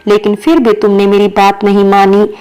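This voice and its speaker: A woman's voice: medium pitch, little pitch movement, moderate pace, clean tone, natural voice. A woman reading as a pleading apologetic boss. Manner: pleading, gentle. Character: apologetic male office boss. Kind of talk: storybook dialogue reading.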